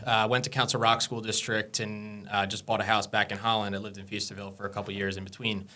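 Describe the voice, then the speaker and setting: A man's voice: lowish voice, level tone, bright, forceful tone. A young man from Pennsylvania, a real estate broker, answering podcast questions in an easygoing, modest way in a small studio. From Pennsylvania, USA. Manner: easygoing, modest, some filler pauses. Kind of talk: casual interview chat.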